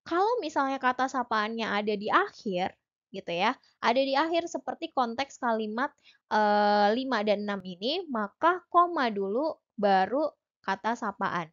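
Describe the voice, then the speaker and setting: A woman's voice: a little high, animated, normal speed, muffled recording. A young woman tutor giving an exam-prep lesson, explaining each point step by step in a chatty way with many fillers.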